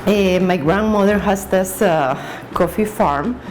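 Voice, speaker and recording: A woman's voice: medium pitch, unhurried, a little mellow, soft background music, poor audio. A woman from El Salvador with a Salvadoran Spanish accent, an artist explaining her paintings in her studio, hesitant with frequent fillers and restarts.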